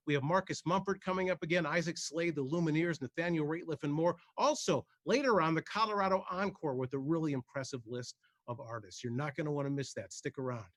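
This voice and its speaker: A man's voice: on the high side, no room sound. A man hosting a live benefit broadcast, announcing the lineup in a polished way. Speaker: broadcast host.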